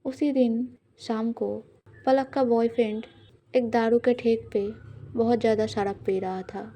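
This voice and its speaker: Mellow-voiced woman reading an audio story. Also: on the high side, unhurried. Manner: plain, even storytelling. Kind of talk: scripted audio story narration.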